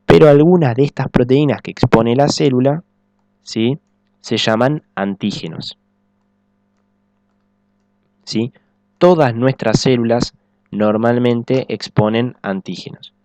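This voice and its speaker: A man's voice: medium pitch, takes it slowly, pauses often, darkish tone, no echo. A man giving a recorded biology lecture, explaining step by step and checking in often with the class. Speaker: teacher.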